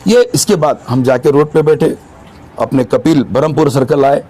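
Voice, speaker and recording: A man's voice: a little high, normal speed, noisy background. A man speaking as spokesman for market vendors in a street interview, complaining with emphatic agitation.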